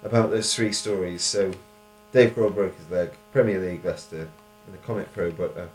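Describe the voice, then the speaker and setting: A man's voice: sits low, steady tone, a little fast, a little mellow, roomy sound, faint music behind. Man chatting and reading poems. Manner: chatty, laughs often, reads rhymed verse aloud. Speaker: podcast co-host and poet. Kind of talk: casual chat and poetry reading.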